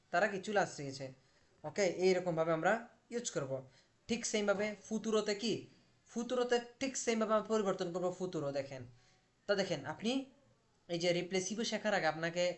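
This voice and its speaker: A man teaching an online language class, drilling verb forms aloud and asking rhetorical questions as he explains. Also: a little high.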